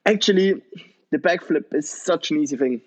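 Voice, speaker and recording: A man's voice: a little high, moderate pace. A young man in his twenties, a BMX rider guest, chatting loosely about himself with slightly phrasing. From Switzerland. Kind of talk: casual interview.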